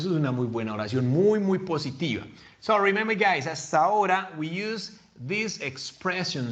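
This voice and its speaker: A man's voice: fairly high pitch, fairly bright tone, dull audio. Man teaching English grammar. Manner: switches between Spanish and English, patient explanations; checks in often with the class. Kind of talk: recorded online grammar lesson.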